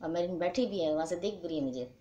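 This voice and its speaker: Woman teacher, lowish mellow voice, drawn-out deliberate dictation, spells every letter. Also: muffled recording. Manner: repeats and spells out each word letter by letter. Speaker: home tutor teaching children. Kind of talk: slow dictation-style lesson.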